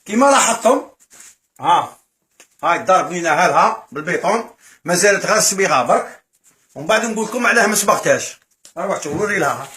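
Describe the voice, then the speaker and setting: A man's voice: sits high, rapid-fire, long pauses. A man with an Algerian Arabic accent vlogs a charity visit. He speaks eagerly, thanks the donors and comments on what he is showing. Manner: excited, thanks donors, gives running commentary. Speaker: vlogger filming a charity visit. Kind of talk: casual to-camera talk. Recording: echoey room with faint noise.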